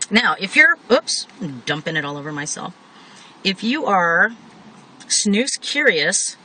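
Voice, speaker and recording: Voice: mid-range voice, pushed and bright. A person giving a casual, rambling product review in a chatty way, talking with a tobacco pouch tucked in the upper lip. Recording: noticeable background noise.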